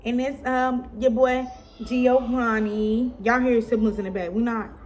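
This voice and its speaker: A woman's voice: on the high side, fairly even intonation, measured pace, darkish tone, slight background noise. A young woman, telling a storytime vlog in a chatty, blunt way. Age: young adult. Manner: chatty, blunt, frequent "like" and "y'all". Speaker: vlogger. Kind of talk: casual storytime chat. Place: home, with a baby nearby.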